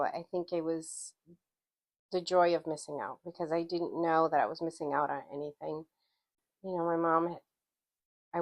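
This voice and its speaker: Middle-aged woman from Guatemala, reflective interview guest, very low voice. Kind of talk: casual interview.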